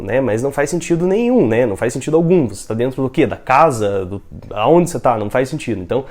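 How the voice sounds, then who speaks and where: A young adult man with a Brazilian Portuguese accent, an English teacher giving an upbeat online lesson and modeling English phrases slowly. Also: medium pitch, darkish tone.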